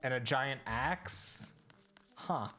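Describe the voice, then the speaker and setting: A man's voice: medium pitch, very slow, pushed and bright, faint music behind. A man chatting casually over a game, rambling and laughing often. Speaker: co-host. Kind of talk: casual let's-play chat.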